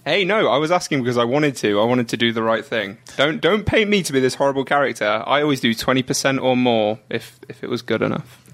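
A man's voice: mid-range voice, expressive, fast talker, a bit bright. A man from the UK with a British accent, chatting casually as a podcast co-host and explaining himself a bit defensively. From United Kingdom.

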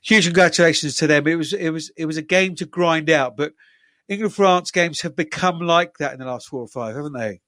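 A man's voice: on the high side, brisk, pushed and bright, no echo, clean studio sound. A man hosting a sports podcast in a casual, jokey presenting style. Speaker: podcast host.

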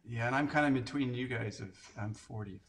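A man's voice: medium pitch, fairly quick, fairly bright tone, slight background noise. A man in his forties from Canada, chatting casually and telling stories with lots of fillers and restarts. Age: 40s. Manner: rambling, filler-heavy storytelling. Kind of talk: casual chat.

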